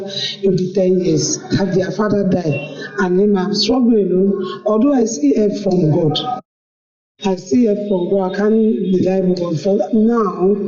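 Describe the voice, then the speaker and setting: A middle-aged Nigerian woman leaving a halting, pleading voice message, asking for help and repeating herself. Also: mid-range voice, dark tone. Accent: Nigerian English. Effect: played back voice note. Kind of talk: recorded voice message. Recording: dull echoey voice note recording.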